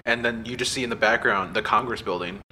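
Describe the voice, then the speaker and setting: A man telling stories in casual chat, animated and swearing freely, laughing often. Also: fairly low pitch, fast, slight background noise, low-quality recording. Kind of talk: casual storytelling.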